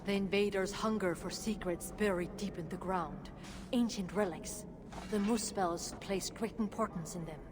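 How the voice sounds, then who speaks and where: A woman with a mid-range voice, speaking at normal speed, voices a weary, bitter dwarf leader in a video game, sounding guarded, sardonic and solemn. The acting is light and dramatic, with music behind her in a long, reverberant hall full of noisy ambience.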